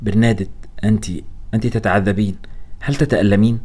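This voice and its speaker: A man reading the hushed, eager lines of an obsessed, secretive husband at his wife's bedside. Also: on the low side, steady tone, quick pace, breathy edge. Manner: whispering, eager.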